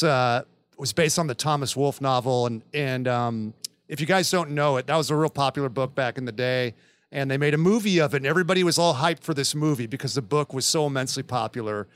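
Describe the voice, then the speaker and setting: A man's voice: medium pitch, a bit bright. A man co-hosting a podcast in casual chat, telling long rambling anecdotes. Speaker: podcast co-host.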